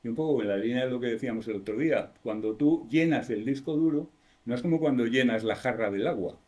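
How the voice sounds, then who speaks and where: A male university lecturer with a Spanish accent talks through a classroom lesson. His voice is mellow and dark, at an ordinary middle pitch. He explains patiently, keeps checking in with the class, and rephrases himself mid-sentence. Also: fast talker. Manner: explanatory, asks the class questions, self-correcting.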